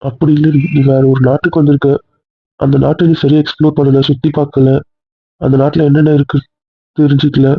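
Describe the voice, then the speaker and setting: A man's voice: a little high, little pitch movement, brisk, husky, no room sound. A man playing a young husband who speaks earnestly and tenderly to his wife in an amateur audio drama. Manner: earnest, heartfelt. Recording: tinny phone-like sound.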